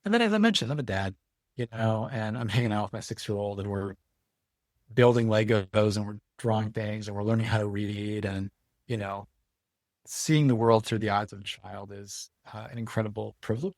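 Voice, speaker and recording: A man speaking as a guest educator in an interview, thoughtful and measured. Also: on the low side, darkish tone, dry recording, studio quality. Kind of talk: reflective interview talk.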